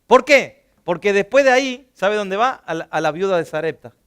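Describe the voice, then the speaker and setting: A pastor preaching a sermon in a church, animated, swinging between loud bursts and soft asides and acting out the people he quotes. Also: high voice, moderate pace, clean tone. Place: church sanctuary.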